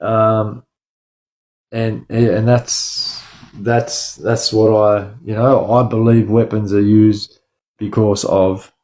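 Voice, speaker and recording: A livestream host from Sydney, Australia chats casually in blunt street slang, rambling, repeating his phrases, and often calling listeners bro or lad. His voice is on the low side, with a flat, very slow delivery and a darkish tone.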